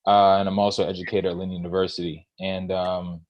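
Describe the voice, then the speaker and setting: A man from Jamaica introduces himself in a relaxed, informal manner. His voice is very deep. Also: fast, highs cut off, slight background noise. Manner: easygoing, informal. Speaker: counseling intern and educator. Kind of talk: panel introduction.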